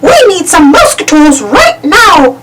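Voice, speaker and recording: A woman voicing a cheerful, helpful cartoon mouse in a squeaky, eager way. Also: wildly swooping pitch, takes it slowly, exaggerated voice. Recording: far-off mic, loud background noise.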